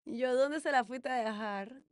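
A woman's voice: fairly high pitch, moderate pace, smooth, dry recording. A woman co-hosting a podcast in casual chat, telling her own story, quoting dialogue and dropping in English words. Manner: chatty, mixes in English words, quotes dialogue dramatically. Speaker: podcast co-host.

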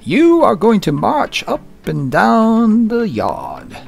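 A pompous army officer barks orders in a stiff, self-important tone as a man puts him on. The voice is pitched far above the speaker's usual range and keeps a gravelly rasp. Faint music plays behind him. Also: wildly swooping pitch, takes it slowly, full character voice. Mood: commanding.

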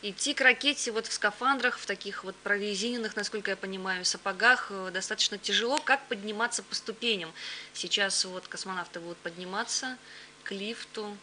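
A woman's voice: medium pitch, a little fast, pushed and bright. A woman hosting a live broadcast, commentating and asking questions in a conversational way. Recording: clear hum and background noise.

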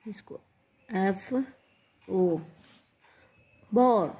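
Slow, mellow-voiced woman teaching shorthand. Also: medium pitch, breathy edge. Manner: spells out letters and repeats example words. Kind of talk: slow step-by-step lesson.

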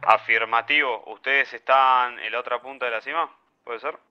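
Un hombre que actúa como radioperador en un juego militar, hablando por la radio del juego con frases formales y cortantes como "afirmativo" y "cambio". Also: male voice, mid-range voice, fairly even intonation, moderate pace, clean tone. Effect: voice over in-game radio. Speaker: player acting as squad radio operator. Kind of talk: military radio procedure in a milsim game. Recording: muffled lo-fi radio transmission.

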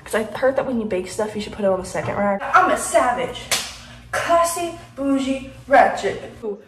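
A teenage girl chats her way through a casual baking vlog, her voice on the high side, animated and at normal speed. Recorded by a phone camera far away in a roomy kitchen, the off-mic audio has music and a little hiss or hum, and she rambles with plenty of self-mockery.

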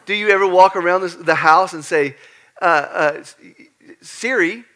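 A man preaching a lively, conversational sermon in church, animated and joking as he acts out the story. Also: high voice, normal speed. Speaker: pastor. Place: church sanctuary.

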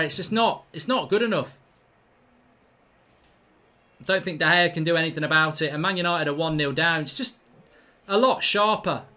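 A middle-aged man, reacting live to a football match, ranting, swearing and shouting in exasperation. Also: a little high. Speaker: football fan channel host.

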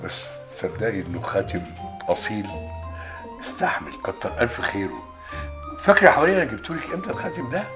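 A man's voice: lowish voice, quick pace, over music. An actor playing an older husband who chats fondly with his wife, with an Egyptian accent. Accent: Egyptian Arabic. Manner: chatty, lively, nostalgic.

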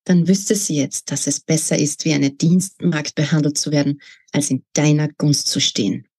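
A woman's voice: low-pitched, fairly even intonation, moderate pace, a little mellow, breathy edge. A woman voicing a spiteful, scornful young woman in a read-aloud novel, talking in a mocking, sneering way.

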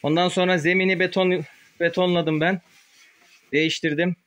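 A man's voice: sits high, level tone, normal speed, a bit bright. Man vlogging through a face mask. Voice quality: slightly muffled, speaking through a face mask. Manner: explains informally while working with a sprayer. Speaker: host of a poultry-keeping channel. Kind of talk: casual explanatory vlog narration. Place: small wooden chicken coop. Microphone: handheld phone camera, held while working.

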